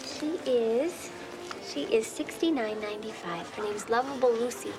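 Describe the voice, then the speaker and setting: An actress playing a kind, helpful woman working as a shop clerk, speaking gently and naturally in a screen drama. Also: on the high side, normal speed, over music, close to an everyday voice. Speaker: shop assistant.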